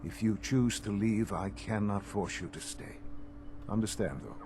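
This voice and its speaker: Male actor as a calm, menacing villain leader; low voice, measured lines, steady hum under the game audio. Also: close to an everyday voice. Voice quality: measured, composed delivery with veiled threat. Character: calm, coldly menacing man ruling a secret institute. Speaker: leader of a secretive scientific group in a game.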